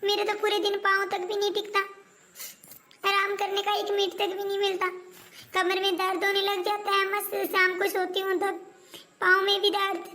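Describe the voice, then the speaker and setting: A woman's voice: extremely high pitch, monotone, moderate pace, bright, forceful tone. A woman playing an overworked, aggrieved elder daughter-in-law in a family skit, complaining and nagging. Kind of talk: scripted family skit acting.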